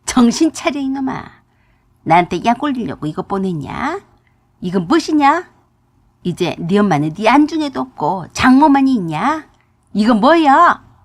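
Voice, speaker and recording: A woman's voice: on the high side, sing-song, moderate pace, slightly rough, exaggerated voice. A woman voicing a furious older mother-in-law who scolds in rustic dialect turns, in a radio drama reading.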